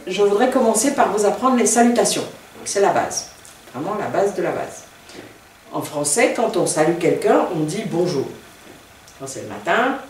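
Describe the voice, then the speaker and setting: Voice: medium pitch, roomy sound, distant mic, slight background noise, poor audio. A language teacher giving a video lesson, speaking carefully and repeating each word several times while writing on a board. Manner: writes on a board while explaining.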